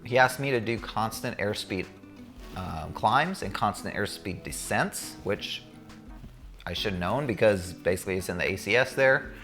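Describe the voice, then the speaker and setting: A man with a low, deep voice recounts his experience in a casual storytelling style. He speaks candidly and conversationally, as if to viewers, with faint music in the background. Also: lively intonation, moderate pace, a bit bright. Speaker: student pilot recounting a checkride.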